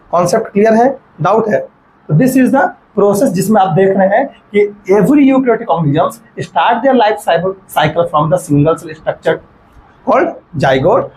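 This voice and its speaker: A man's voice: sits high, a little mellow, slight background noise, poor audio. A man teaching biology in a classroom-style lecture, asking rhetorical questions and checking that students follow. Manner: mixes in English terms while dictating notes slowly.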